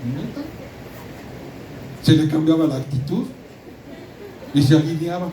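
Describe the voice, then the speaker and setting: Here the Mexican-accented pastor, middle-aged, sounds fairly high-pitched, expressive and mellow, preaching a little slowly yet emphatically, with repeated words and restarts. The distant mic catches a roomy echo, audible ambience, and a slight hiss or hum.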